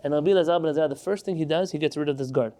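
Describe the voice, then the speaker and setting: A man's voice: on the high side, rapid-fire, dark tone. A man teaching a Talmud class, explaining step by step and asking and answering his own questions.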